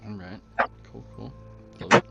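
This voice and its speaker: A man's voice: on the low side, fairly even intonation, moderate pace, bright, forceful tone. A man playing a tabletop game, chatting casually and jokingly with plenty of swearing. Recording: muffled recording, clear music behind.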